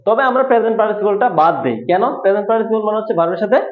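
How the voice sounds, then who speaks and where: A man's voice: high-pitched, rapid-fire, a crowd in the background. A man teaching English to a class, asking a question and then repeating it to the students. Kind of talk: classroom lesson with call and response. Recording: echoey room, tinny phone-like sound.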